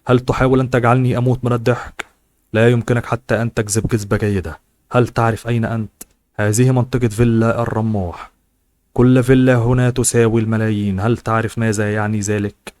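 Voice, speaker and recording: A man's voice: mid-range voice, level tone, fast talker, darkish tone, lightly acted. A man voicing a mocking, arrogant rich relative in an audiobook. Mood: sneering. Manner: sneering, mocking.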